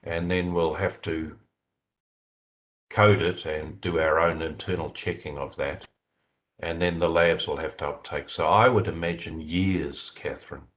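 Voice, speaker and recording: Low voice, man, video meeting, technical, explanatory, measured. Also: steady tone, a bit bright, rough recording. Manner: measured, explanatory, with frequent fillers. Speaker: software developer answering committee questions.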